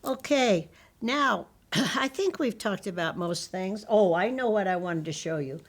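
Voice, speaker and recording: Older female storyteller for young children: elder telling a tale, unhurried delivery, mid-range voice, informal explanatory asides. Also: medium pitch, lively intonation.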